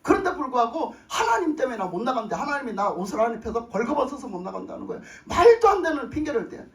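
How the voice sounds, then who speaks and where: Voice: medium pitch, big pitch swings, fast. A pastor preaching a sermon emphatically, repeating phrases and putting questions to the congregation. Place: church sanctuary with congregation. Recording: roomy echo, voice far from mic.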